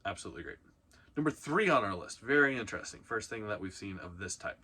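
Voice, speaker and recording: Running through a countdown for his reselling channel, a man speaks to camera casually and informally, hitting points with punchy emphasis. His voice sits on the low side, animated and sharp-toned, and he talks quickly.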